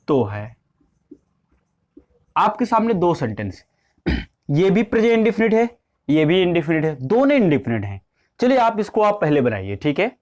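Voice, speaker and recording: A man from India teaching an English grammar lesson, explaining step by step and asking and answering his own questions. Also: a little high. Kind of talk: casual classroom lesson.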